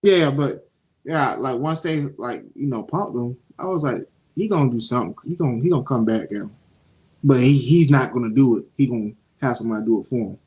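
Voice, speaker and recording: A young man, co-hosting a casual show review and telling stories in an animated, streetwise way, swearing freely. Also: mid-range voice, a little fast. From Jacksonville, Florida (Duval). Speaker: podcast co-host.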